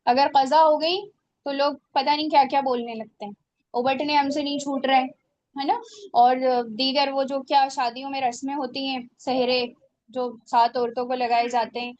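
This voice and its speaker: High-voiced earnest woman teacher, lo-fi. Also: level tone, normal speed, darkish tone. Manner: earnest, exhorting. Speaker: Quran recitation teacher. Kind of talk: religious class talk.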